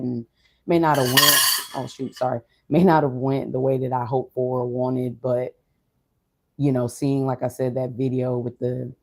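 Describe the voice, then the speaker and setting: A vlogger talking casually and reflectively in a low-energy, unhurried, subdued way, with a mellow voice. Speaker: streamer or vlogger. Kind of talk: casual reflective monologue to an audience.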